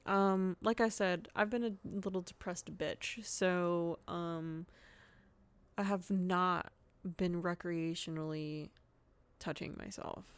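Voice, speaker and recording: A woman's voice: fairly low pitch, steady tone, takes it slowly, clean tone, no echo. A woman hosting her own podcast in a casual solo chat, frank and giggly with lots of fillers. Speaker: podcast host.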